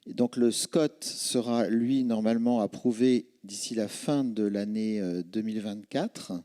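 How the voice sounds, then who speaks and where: A man's voice: lowish voice, steady tone, measured pace, mellow. A man moderating a public meeting, polite and formal as he answers questions and hands over the floor.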